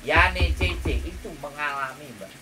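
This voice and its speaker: A Javanese-accented man with a sharp, higher voice at normal speed gives advice in a casual counselling chat, lecturing emphatically and often checking in with rhetorical questions. The mic is distant, in a noisy kitchen where something is frying.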